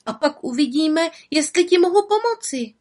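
A woman voicing a kind, cheerful young girl witch in a storybook reading, lively and coaxing. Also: high-pitched, pitched above the performer's own voice.

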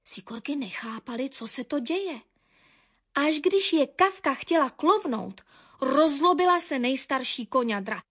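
A woman reads a children's story about animals in a lively, expressive way, letting her voice drop low for asides.

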